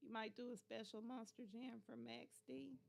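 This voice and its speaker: A worn-out woman hosts a relaxed livestream, her voice showing a gravelly fry. She rambles loosely, yawns between thoughts, and talks to her viewers and her dog. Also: fairly high pitch, normal speed. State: tired, yawning. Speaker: livestream host. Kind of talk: casual livestream chat with viewers.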